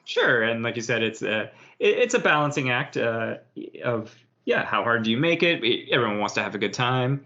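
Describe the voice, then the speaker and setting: Man podcast co-host with a bright, forceful tone, relaxed and rambling. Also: mid-range voice, normal speed. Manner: relaxed, rambling advice with fillers. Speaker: podcast co-host and game master. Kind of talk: casual chat. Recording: dull lo-fi podcast audio.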